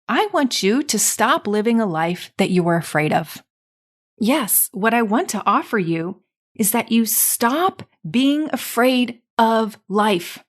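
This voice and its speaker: A middle-aged woman hosting a motivational podcast, talking emphatically and acting out what people say. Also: on the high side. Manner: emphatic, animated, acts out quotes. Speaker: podcast host and drinking coach.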